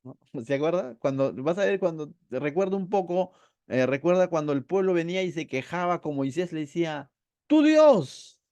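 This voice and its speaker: A man pastor with a Peruvian accent, teaching a verse-by-verse Bible sermon. He asks the listeners rhetorical questions, slows down to stress key phrases and shouts out quoted cries. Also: fairly high pitch, clear, resonant tone, dry recording, muffled recording. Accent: Peruvian Spanish. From Peru. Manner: acts out quoted cries loudly.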